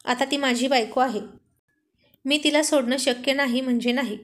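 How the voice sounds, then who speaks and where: A woman reading a story aloud and voicing a jealous, quick-tempered young husband who blusters irritably. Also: high-pitched, fairly even intonation, close to an everyday voice. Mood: irritated.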